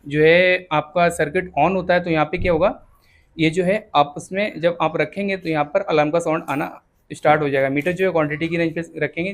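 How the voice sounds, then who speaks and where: Man, high-pitched, repair tutorial, step-by-step explaining, frequent check-ins. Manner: explains step by step, often checks in with "thik hai". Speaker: repair instructor.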